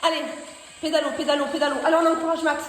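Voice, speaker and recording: A woman leading a workout class as a fitness coach, energetic, pushing and encouraging, counting reps. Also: sits high, rapid-fire. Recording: very echoey hall with music.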